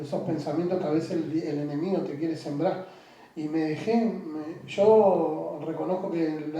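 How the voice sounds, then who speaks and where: A man giving a personal testimony in an interview, halting and repeating words, often trailing off quietly. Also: a little high, recorded from a distance, slight background noise. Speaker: interview guest. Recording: very echoey room, off-mic, faint music.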